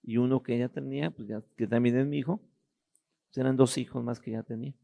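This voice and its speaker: Gravelly middle-aged man, halting. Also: medium pitch, steady tone, highs cut off. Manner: halting, searching for words with restarts. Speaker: guest giving a testimony. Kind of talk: personal testimony.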